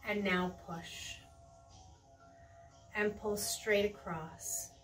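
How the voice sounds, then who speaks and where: A woman's voice: mid-range voice, steady tone. A middle-aged woman leading a tai chi lesson with serene, encouraging, step-by-step movement cues. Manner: serene, encouraging, unhurried cueing. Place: small carpeted room indoors. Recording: distant mic in a room, faint music. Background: faint music.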